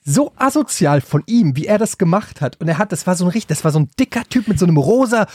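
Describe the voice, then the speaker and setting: A man from Frankfurt tells a story on a podcast, his voice sitting a little high for a man. He rambles and restarts, then gets heated. The sound is close and dry, with no room in it. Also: animated, quick pace, a little mellow, slightly rough, no room sound. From Frankfurt, Germany. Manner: rambling, with many restarts and hesitations, getting worked up as the story builds. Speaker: podcast co-host. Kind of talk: casual storytelling chat.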